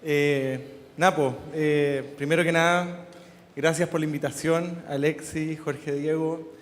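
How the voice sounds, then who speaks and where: A middle-aged man from Chile with a Chilean Spanish accent, giving a relaxed conference talk with frequent "eh" fillers. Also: a little high, slow pace. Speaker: design conference speaker. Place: large conference hall with an audience. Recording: long hall reverb.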